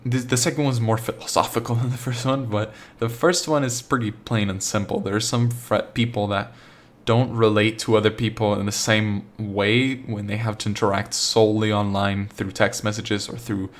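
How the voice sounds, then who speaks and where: A young man from Argentina hosts a laid-back solo podcast episode, his voice sitting a little low and carrying no accent. He rambles, trips over his sentences with restarts, and leans on "like" as he thinks aloud.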